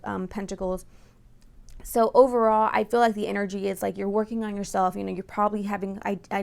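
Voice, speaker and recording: A woman's voice: medium pitch, creaky, a little mellow, clean tone. A woman giving a casual, chatty tarot reading to viewers as host, speaking close to the microphone. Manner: informal, chatty, often checking in with "right?" and "you know". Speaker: tarot reader and channel host.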